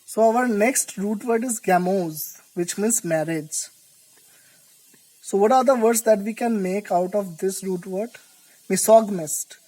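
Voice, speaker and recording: A woman teaching an English vocabulary lesson, explaining word roots slowly and deliberately. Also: medium pitch, mellow, poor audio.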